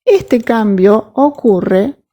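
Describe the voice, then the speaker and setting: A woman walks students through English grammar in an unhurried lesson. Her voice is mellow and rounded, and she pauses often to ask whether everyone follows. She reads her English examples out slowly and carefully. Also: a little high, highs cut off. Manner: patient, checks understanding with frequent "¿sí?" and "¿mm?". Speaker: English teacher.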